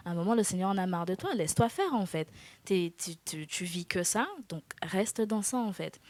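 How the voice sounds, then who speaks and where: A woman in her twenties giving a personal faith testimony in an interview, earnest and hesitant, with soft laughs. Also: fairly low pitch, no echo. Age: 20s. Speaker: guest.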